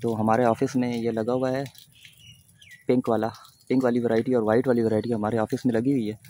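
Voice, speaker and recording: A man with a Pakistani Urdu accent talks through his plants in a relaxed, explanatory way, slowing down to spell out a plant name. His voice sits at an ordinary middle pitch. The outdoor recording carries a clear layer of background noise. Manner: unhurried, explanatory, spells words out letter by letter. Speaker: gardening vlogger. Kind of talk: casual gardening walkthrough.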